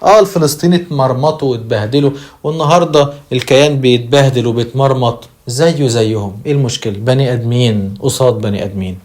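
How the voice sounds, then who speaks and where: A man with an Egyptian Arabic accent hosting a channel, giving emphatic commentary on news quotes and slowing down to stress key words. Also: medium pitch, a little mellow. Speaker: channel host.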